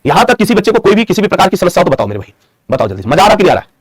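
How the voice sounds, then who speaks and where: A man's voice: high voice, sing-song, rapid-fire, slightly rough, dry recording. A man teaching an online Hindi grammar class, repeating each point as a question and its answer, calling his students his children and brothers, and dictating definitions word by word. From India. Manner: affectionate teacher's address to students.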